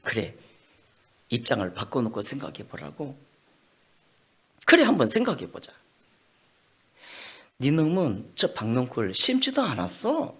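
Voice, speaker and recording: A man voicing God as a patient, fatherly figure who scolds gently and reasons earnestly. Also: medium pitch, slightly rough, exaggerated voice. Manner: calm, reasoning, then impassioned.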